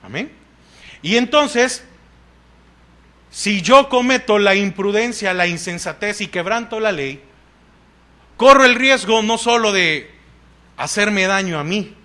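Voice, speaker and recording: Slow, bright-voiced Salvadoran preacher. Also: male voice, sits high, animated. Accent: Salvadoran Spanish. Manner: asks the congregation questions and answers them, punctuated with "amén". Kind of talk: sermon. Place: church.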